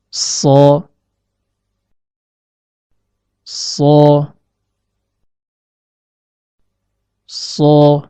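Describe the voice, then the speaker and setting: A man giving slow, deliberate scripted narration as a recitation teacher, demonstrating each sound himself. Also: mid-range voice, dark tone, dry recording. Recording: dry, slightly dull lo-fi recording.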